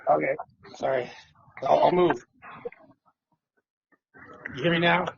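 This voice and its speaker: A man's voice: a little high, slow, gravelly, breathy edge, dry recording, highs cut off. A man calling in to a live stream, hesitant, with many fillers, correcting the host. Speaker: caller. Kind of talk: casual call-in chat.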